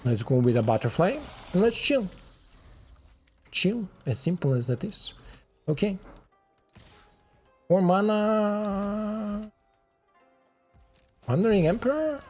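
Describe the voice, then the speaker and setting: A man's voice: fairly high pitch, darkish tone, breathy edge. A man giving casual commentary while he plays a card game, chatting to his opponent and to the game itself. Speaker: streamer playing a card game.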